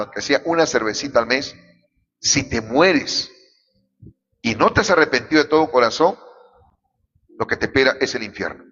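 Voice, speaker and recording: A man's voice: medium pitch, pushed and bright. A man from Peru, a pastor preaching a fervent sermon and constantly calling out to the congregation. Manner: fervent, repeatedly addressing the congregation. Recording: dull echoey hall recording.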